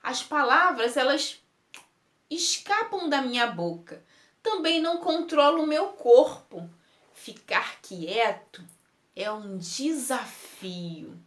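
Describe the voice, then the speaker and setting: Woman, emotive reading, unhurried, echoey room. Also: high-pitched. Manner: slow, emotive, lingering on words. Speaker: reader. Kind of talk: expressive reading of a first-person text. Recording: roomy echo.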